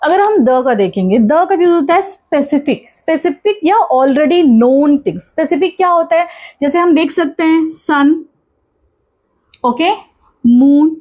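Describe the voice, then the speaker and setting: A woman's voice: high voice, expressive, measured pace, darkish tone. A woman with an Indian accent teaching English grammar, asking questions and answering them herself and repeating key points. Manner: mixes Hindi with English terms. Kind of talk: classroom-style grammar lesson.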